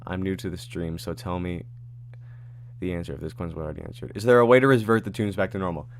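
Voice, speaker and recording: Casual streamer, male, slightly low voice; reads viewer questions aloud and answers off the cuff with asides. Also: quick pace, a little hiss or hum. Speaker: livestreamer answering chat questions. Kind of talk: casual livestream Q&A. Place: at home in his room.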